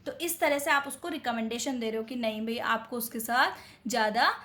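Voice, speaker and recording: A woman with an Indian accent teaching a grammar lesson, who reads out English examples slowly and keeps checking that her students are following. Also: a little high, pushed and bright. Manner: explains slowly, reading English examples carefully, then adding quick Hindi asides; keeps checking in with "theek hai?". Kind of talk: explanatory lesson.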